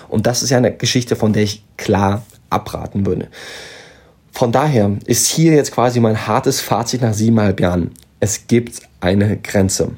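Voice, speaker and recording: Man on a low-quality audio recording. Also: mellow, husky. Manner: motivational, plain-spoken, slangy. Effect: poor low-quality audio. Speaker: fitness podcast host. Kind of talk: casual podcast monologue. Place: on vacation.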